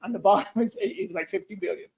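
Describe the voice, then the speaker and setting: A man joining a casual meeting discussion, talking fast and enthusiastically with stumbles. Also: high voice, wildly swooping pitch, gravelly, a little mellow, dull audio, slight background noise. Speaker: meeting participant.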